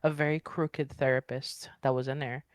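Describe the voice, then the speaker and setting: A woman's voice: extremely low pitch, normal speed, dry recording, clean studio sound. A woman guest on a casual podcast, telling her story candidly with lots of fillers and acting out what others said. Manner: animated storyteller who acts out quoted speech; blunt and candid, with frequent filler words. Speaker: interview guest.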